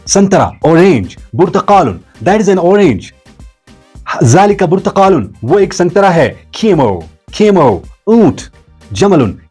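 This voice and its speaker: A man teaching a language lesson, spelling out letters and repeating words slowly for learners. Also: on the high side, a little mellow, breathy edge. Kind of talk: spoken lesson with slow word drills.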